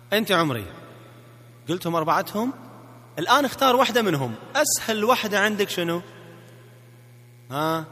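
Gulf Arabic male coach for a self-help tape, bright forceful delivery, coaxes listeners through repeat-after-me drills, hall reverb. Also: on the high side. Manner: playful, coaxing, repeats phrases for the listener to echo. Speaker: marriage coach. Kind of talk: recorded self-help audio lesson.

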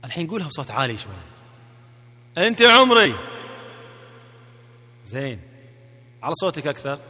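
A man's voice: medium pitch, lively intonation, racing, fairly bright tone, in a large hall. A man with a Gulf Arabic accent coaching listeners in a recorded self-help lesson, playfully coaxing them to repeat phrases after him. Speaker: marriage coach.

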